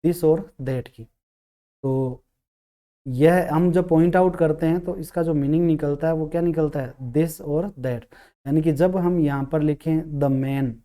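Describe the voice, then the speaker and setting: A man teaching an English grammar lesson, explaining step by step, asking himself questions and sounding out syllables slowly. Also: fairly high pitch, fairly even intonation, dark tone.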